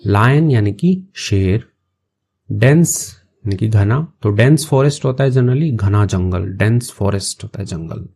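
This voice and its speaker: Gravelly-voiced man teaching English. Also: on the low side, dark tone. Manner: slow, patient word-by-word explanations. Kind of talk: explaining an English story in Hindi.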